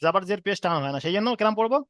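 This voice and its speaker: A man teaching an online class on reading letters, who chants drawn-out letter sounds between quick explanations. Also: high-pitched, expressive, fairly bright tone, no room sound, studio quality. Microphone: own microphone on an online call.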